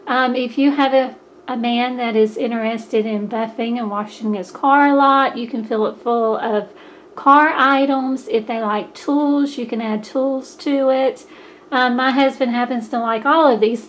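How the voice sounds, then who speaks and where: A middle-aged woman with a Southern US accent, hoarse from a cold, chatting through a crafting tutorial with lots of fillers. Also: on the high side. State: hoarse, losing her voice. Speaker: craft channel host.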